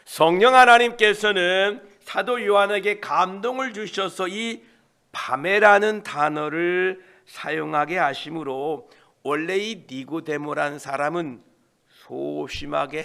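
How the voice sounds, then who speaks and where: A man preaching an early-morning prayer sermon as pastor, slowly expounding and reading scripture aloud. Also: a little high, vocal fry, sharp tone, clean tone. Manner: slow, deliberate Bible exposition with scripture reading.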